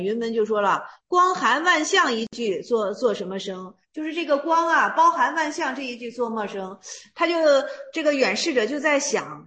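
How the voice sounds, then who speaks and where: Woman with a high voice going through old zen texts for a class, reads slow then explains it plainly, repeats stuff a lot. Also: fairly bright tone. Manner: reads slowly, then retells in plain speech with repetitions and fillers. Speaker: teacher of Chan Buddhist texts.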